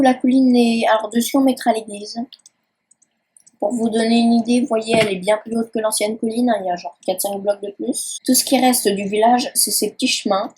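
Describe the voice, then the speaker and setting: A woman's voice: mid-range voice, a little mellow, husky, poor audio. A young woman casually touring her game world, rambling and hesitant with many fillers. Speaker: gaming channel host. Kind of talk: casual game-tour commentary. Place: at home by a laptop.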